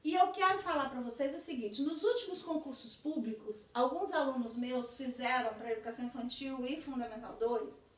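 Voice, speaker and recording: A woman's voice: sits high, normal speed, hardly any pauses. A woman teacher giving a lecture, explaining patiently and often checking in with her listeners with tag questions. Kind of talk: recorded lecture explaining literacy stages. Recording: echoey room, voice from a distance from the mic.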